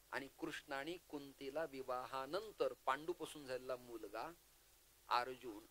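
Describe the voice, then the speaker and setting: A man preaching a devotional kirtan sermon, lively and humorous, quizzing his audience. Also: medium pitch, slight background noise.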